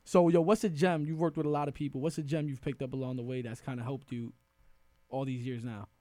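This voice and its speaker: A man's voice: mid-range voice, level tone, quick pace, dark tone, no room sound. A man hosting a podcast, chatting casually with a guest, joking, laughing often and swearing freely. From half Dominican. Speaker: podcast host. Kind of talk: casual interview chat.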